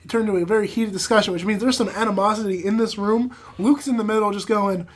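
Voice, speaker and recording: A man's voice: high voice, fairly even intonation, fast. A man co-hosting a casual podcast, joking and rambling, stumbling over his words. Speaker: podcast co-host. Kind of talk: casual chat.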